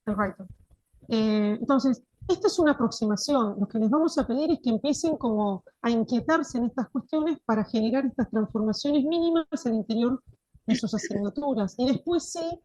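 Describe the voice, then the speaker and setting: A woman's voice: on the high side, moderate pace, dark tone, dry recording, lo-fi sound. A woman giving an online teacher-training lecture, often asking "¿sí?" to check that her listeners follow. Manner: explanatory, frequent checking "¿sí?". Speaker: course instructor.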